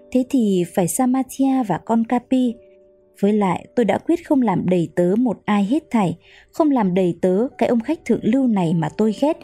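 A woman reading a novel aloud as narrator, in a calm, measured storytelling manner. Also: a little high, slightly rough. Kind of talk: audiobook narration.

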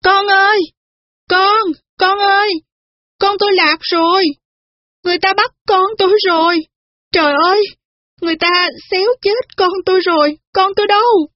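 A woman voicing a frantic mother crying out for her lost child, in high wailing cries. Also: steady tone, normal speed, no echo, dull audio.

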